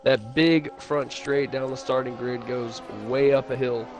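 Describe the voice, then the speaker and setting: A man doing relaxed live commentary on a sim racing stream, chatting and reading chat messages aloud. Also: medium pitch, unhurried, faint music behind. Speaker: race commentator. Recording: stream audio with clear background noise.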